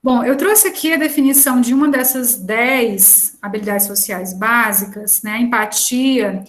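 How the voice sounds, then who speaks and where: A woman's voice: fairly high pitch, a little slow. A woman giving an online lecture in a conversational way, with frequent fillers and restarts.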